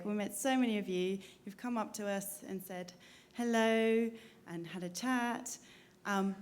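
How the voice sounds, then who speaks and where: Woman violinist, stage patter, storytelling manner, middle-pitched voice, stage mic. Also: a little mellow. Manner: chatty storytelling. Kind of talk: live stage patter between pieces. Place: stage on a cruise ship.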